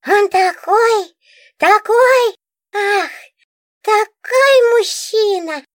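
A pampered female talking book from an audiobook, whining and affected in a piercingly high voice. Her tone is bright and sharp. The sound is dry and close to the mic. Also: extremely slow, no room sound, heavily acted. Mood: dreamy. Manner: whiny, affected, pouty. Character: spoiled capricious talking book, female diva. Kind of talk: audiobook character voice.

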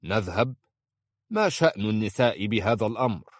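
A stern elderly sheikh, voiced by a male narrator, low and curt. The reading is dry and close, with little room sound. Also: animated, fairly quick, no echo.

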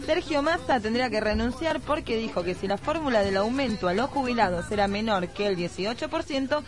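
A woman's voice: a little high, expressive, brisk. A woman in her twenties with a Rioplatense Argentine accent, chatting and reading messages aloud as a radio co-host. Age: 20s. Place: radio studio.

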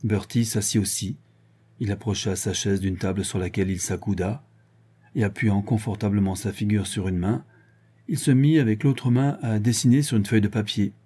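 A man narrates a classic novel in an even, measured way. His voice is low and dark, with a soft husky grain. The delivery is steady, as in scripted audiobook reading. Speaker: audiobook reader.

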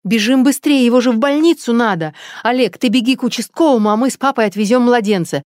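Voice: mid-range voice, fairly even intonation, normal speed, warm tone, dry recording, studio quality, pitched above the performer's own voice, lightly acted. A reader voicing a shocked young woman in an audiobook, speaking in an urgent, raised way.

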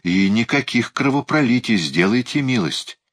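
A man's voice: medium pitch, expressive, normal speed, a bit bright, voice pushed up. A man voicing a miserly, fretful old uncle in an audiobook, whining and flustered in protest. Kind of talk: audiobook character reading.

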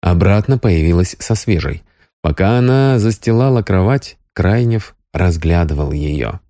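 A man's voice: low-pitched, animated, unhurried, warm tone, no room sound, studio quality. A man reading an audiobook as narrator, telling the story expressively. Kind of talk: scripted narration.

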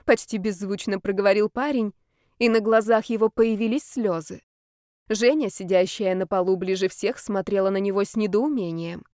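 A woman reading an audiobook in a steady narrating voice. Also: medium pitch, normal speed, no echo, clean studio sound. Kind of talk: scripted narration.

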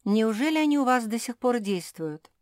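A woman's voice: a little high, big pitch swings, normal speed, darkish tone, no room sound, studio quality, voice pushed up. A woman voicing a learned, courtly male pug dog who speaks formally and gallantly. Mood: thoughtful.

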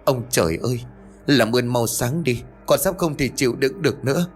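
Male storyteller doing an anxious young man in a ghost story, urgent and reassuring, pitched higher. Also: moderate pace, faint music behind, natural voice. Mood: desperate. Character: anxious adult son comforting his mother.

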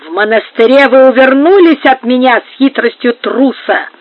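A woman's voice: sits high, moderate pace, no echo, voice pushed up. A woman reading the part of an impetuous young male lover, exclaiming and pleading. The sound is dry and narrow, like a phone line. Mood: challenging.

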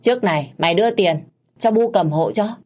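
A woman's voice: medium pitch, a little fast, a little mellow, voice pushed up, natural voice. A woman voicing a spiteful old mother-in-law who screeches, scolds and wails in a storytelling recording. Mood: mocking. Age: older.

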